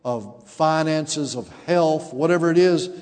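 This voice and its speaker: A man in his forties preaches a sermon in a fairly high, slightly mellow voice, unhurried in pace, with a big-room sound. As a pastor, he uses call-and-response with the congregation and builds to emphatic peaks.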